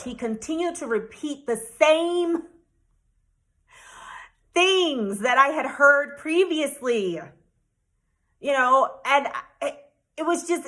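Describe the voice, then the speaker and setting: A woman's voice: high-pitched, fairly bright tone. A woman vlogger telling a personal story to her viewers, emphatic and indignant, addressing them directly. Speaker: travel vlogger.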